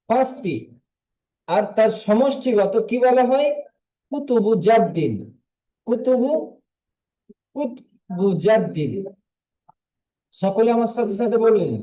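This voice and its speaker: A man's voice: high voice, mellow, low-quality recording. A man teaching a tajweed lesson online, patiently repeating letters and drilling the sounds again and again. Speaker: Quran recitation teacher.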